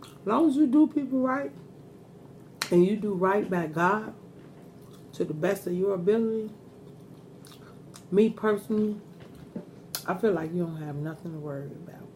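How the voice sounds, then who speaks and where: A woman's voice: mid-range voice, lively intonation, normal speed, long pauses, a little mellow, a little hiss or hum. A middle-aged woman chatting casually and giving earnest advice while eating crunchy fried chicken in a mukbang. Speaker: mukbang host.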